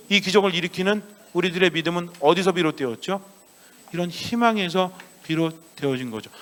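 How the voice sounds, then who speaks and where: Priest with a lively, questioning sermon voice. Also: male voice, high-pitched. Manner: asks the congregation many questions and answers himself; acts out children's voices in a playful story. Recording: long church reverb.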